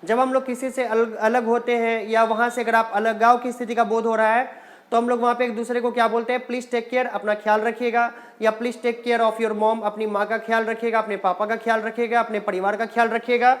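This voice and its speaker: A woman with an Indian accent gives a spoken English lesson, her voice sitting a little high. She drills short everyday phrases, saying each one slowly and repeating it before explaining when to use it. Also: little pitch movement. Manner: addresses learners as children and guys. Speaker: English teacher.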